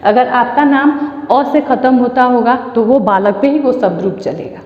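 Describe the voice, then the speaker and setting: Woman, Indian accent, schoolteacher, online lesson, slow deliberate recitation, long room echo. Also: on the high side, animated. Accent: Indian, Bihar. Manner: recites word forms in slow, deliberate drills. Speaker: Sanskrit teacher. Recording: echoey room, dull lo-fi sound.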